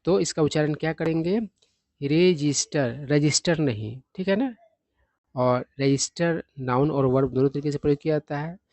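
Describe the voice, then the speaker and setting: A man's voice: on the high side, normal speed, a little mellow, dry recording. Patient male English tutor, dry sound. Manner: explains each word patiently, often ending with "है ना?". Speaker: English vocabulary teacher. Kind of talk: newspaper vocabulary lesson.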